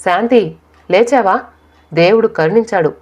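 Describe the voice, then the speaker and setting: A woman's voice: mid-range voice, a little slow, darkish tone, slightly rough. A woman voicing a remorseful older husband who pleads tearfully for his wife's forgiveness. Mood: remorseful pleading. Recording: dull lo-fi recording.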